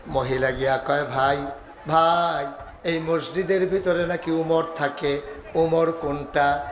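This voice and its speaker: A man preaching a waz sermon, telling a story with dramatic swings from soft pleading to shouting and sing-song wailing. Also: on the high side, steady tone, a little slow, reverberant.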